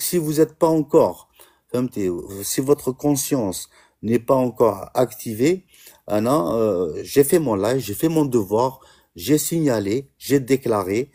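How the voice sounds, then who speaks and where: Man, Algerian Constantine accent, low mellow voice, halting live-stream rant. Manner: halting, many "euh" fillers, mixing Arabic and French. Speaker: diaspora activist on a live stream. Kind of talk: impassioned live-stream monologue.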